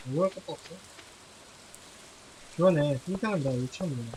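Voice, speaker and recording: Lower-voiced woman streamer, swearing chatter. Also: fairly quick, darkish tone, slight background noise. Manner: rambling self-talk with casual swearing. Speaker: game streamer. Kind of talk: live game commentary.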